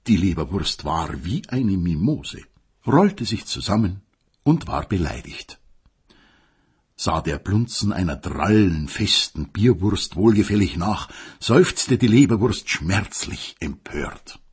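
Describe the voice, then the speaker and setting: A man's voice: low-pitched, animated, takes it slowly, husky. A man reading a humorous tale in an ironic, dramatic way. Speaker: storyteller.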